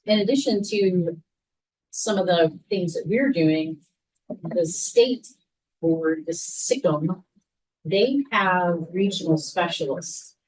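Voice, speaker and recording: A woman's voice: on the low side, distant mic, poor audio. A woman coordinating a local program, explaining it to a class in a conversational way with many fillers. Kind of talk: informal class presentation.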